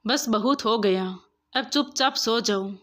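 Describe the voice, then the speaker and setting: A woman voicing an affectionate, gently firm father in a storybook reading. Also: fairly high pitch, unhurried. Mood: stern. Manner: affectionate, coaxing. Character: loving father, gently firm with his son.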